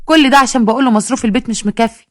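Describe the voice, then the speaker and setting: A woman voicing a loud, battered Egyptian wife who wails, bargains and drops folk sayings. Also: fairly high pitch, very fast, no echo, studio quality, pitched above the performer's own voice, natural voice. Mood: complaining, wailing. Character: battered chatty local wife, loud and complaining.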